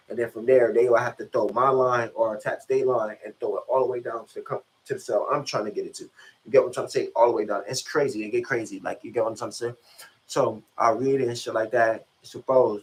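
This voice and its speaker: A man's voice: mid-range voice, a bit bright, poor audio. A young man spins a casual story in loose street slang, cursing freely. He keeps checking in with his listener to make sure they follow. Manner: slangy, profane, keeps asking if you follow. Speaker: rapper and channel host.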